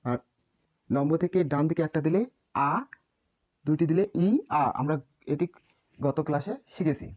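A man's voice: fairly high pitch, fairly even intonation, a little slow, long pauses, a little mellow, no room sound, lo-fi sound. A man teaching a basic language class, repeating sounds and often correcting himself. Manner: repetitive, drilling, self-correcting teacher. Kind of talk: classroom lesson.

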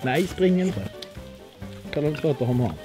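A man's voice: a little high, lively intonation, music in the background. Joking young man vlogging outdoors. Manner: joking, playful, laughs often. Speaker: YouTuber filming with his nephew. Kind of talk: casual vlog chat. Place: outdoors at a farm with animals.

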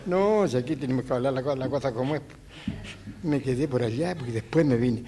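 A man's voice: medium pitch, a little fast, dark tone, slight background noise. A man with a Chilean accent telling stories on stage in a colloquial, rambling way, chuckling as he goes. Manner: folksy, chuckling, rambling with restarts. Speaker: musician telling anecdotes on stage. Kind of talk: colloquial live storytelling.

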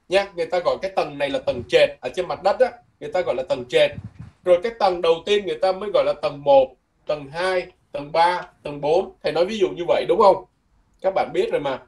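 A man teaching a language lesson, patiently repeating words slowly and ending his phrases with soft tags. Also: a little high. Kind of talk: lesson explained from a textbook.

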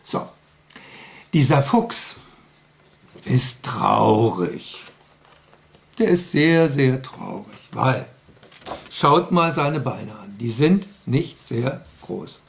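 Male children's storyteller: slow, gravelly, playful, addresses the kids directly. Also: mid-range voice, lively intonation. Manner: playful, chatty, asks the kids questions.

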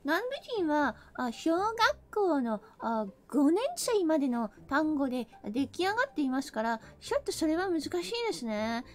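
A woman from the American South giving a casual live-streamed English lesson, playful and breaking into mock-angry rough slang. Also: high-pitched, very animated, normal speed, hardly any pauses.

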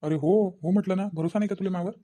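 A man voicing a suspicious young husband in a cartoon, with a Vidarbha Marathi accent, talking in rapid muttering bursts. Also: high voice, steady tone, mellow. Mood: reassuring.

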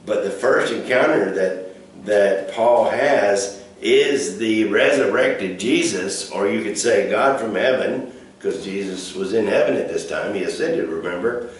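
A man's voice: on the low side, unhurried. A man pastor teaching a Bible study in a folksy, rambling way, full of fillers and restarts. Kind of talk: casual teaching. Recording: echoey room from a distant mic, faint noise.

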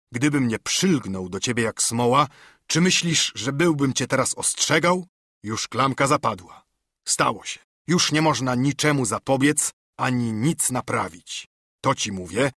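A man's voice: medium pitch, fairly bright tone, slightly rough, dry recording, studio quality. Silver, a man voicing a sly old pirate cook. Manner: coaxing, confiding. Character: cunning old one-legged pirate cook, male.

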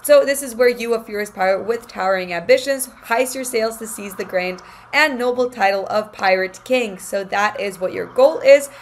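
A woman's voice: mid-range voice, moderate pace, slight background noise. A woman hosting her channel, giving an enthusiastic, promotional review of a game while reading its website text aloud with fillers.

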